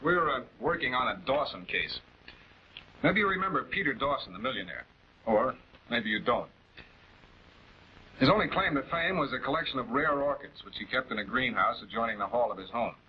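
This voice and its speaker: A man plays a composed, affable public prosecutor in a late-1940s television crime drama, questioning in a polite, measured, conversational way. He sounds genial as he explains, his mid-range voice slightly rough with lively intonation, and the 1940s film soundtrack is dull and noisy.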